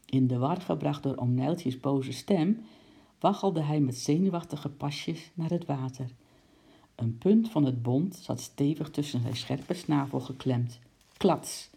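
A storyteller reading a children's book aloud in a lively voice, acting out the characters. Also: mid-range voice, unhurried, vocal fry, slightly rough.

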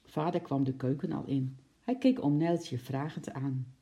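A narrator reading a children's storybook aloud in a lively, expressive way. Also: medium pitch, measured pace.

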